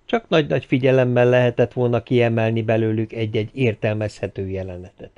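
A man reading an audiobook aloud in a steady, expressive storytelling manner. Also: medium pitch. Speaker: audiobook narrator. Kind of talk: audiobook narration. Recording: slightly dull lo-fi audio.

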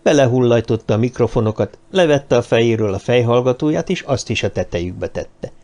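A man narrating an audiobook in a measured, even storytelling manner. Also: mid-range voice. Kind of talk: scripted narration.

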